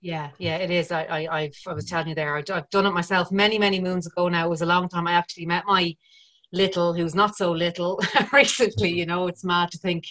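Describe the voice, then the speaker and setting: A woman's voice: lowish voice, steady tone, brisk, a bit bright. A woman with an Irish accent presenting and interviewing on a podcast in a conversational style.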